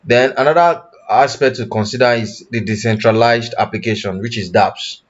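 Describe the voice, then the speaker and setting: A man teaching blockchain development in a live online class, pausing often and correcting himself, and checking in with "you understand?". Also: medium pitch, highs cut off. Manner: halting, self-correcting, asks "you understand?". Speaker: tech instructor.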